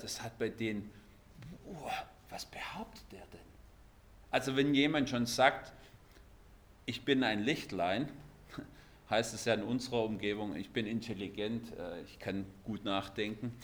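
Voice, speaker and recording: Lively preacher man. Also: lowish voice, moderate pace, a little hiss or hum. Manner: lively, emphatic, shifts between loud stresses and quiet asides. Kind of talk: sermon.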